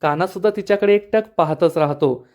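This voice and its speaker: A man's voice: sits high, fast, a little mellow. A man retelling a TV serial episode as a plain, storytelling narration. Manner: plain storytelling narration, reads out the characters' lines.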